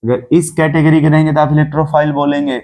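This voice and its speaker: A man's voice: a little high, fairly even intonation, quick pace, a little mellow. A man teaching a chemistry class, lecturing and constantly asking the students questions. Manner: mixes English terms into Hindi explanation.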